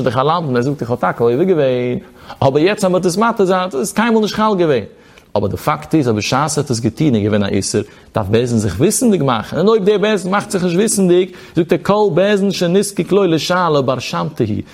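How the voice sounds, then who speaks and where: Gravelly man giving a sing-song Talmud lecture. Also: a little mellow. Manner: swings between low and high tones, addresses listeners directly. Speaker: Torah teacher. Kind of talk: Talmud lecture in chant-like cadence.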